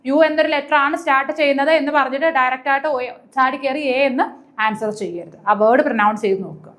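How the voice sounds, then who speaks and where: A woman's voice: high-pitched, a little fast, a bit bright. A woman leads an exam-prep lesson. She keeps asking questions and then answering them herself. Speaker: teacher.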